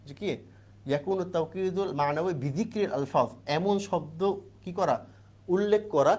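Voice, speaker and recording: A man with a fairly high voice delivers an exam-prep grammar lecture. He builds each point step by step, asks the class rhetorical questions and answers them, and keeps checking that students follow. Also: a little mellow. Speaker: teacher.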